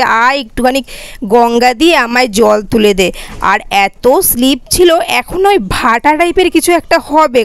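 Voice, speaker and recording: Young girl rattling off her vlog voiceover, high clear voice, dry close sound. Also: no room sound. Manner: fast, chatty, says herself she talks quickly. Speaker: vlogger. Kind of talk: casual vlog voice-over narration.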